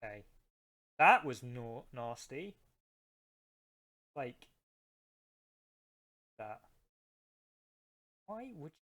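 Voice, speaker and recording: A man's voice: mid-range voice, big pitch swings, very slow, pauses often, sharp tone. A man streaming a card game live, chatting casually with his viewers and rambling between plays.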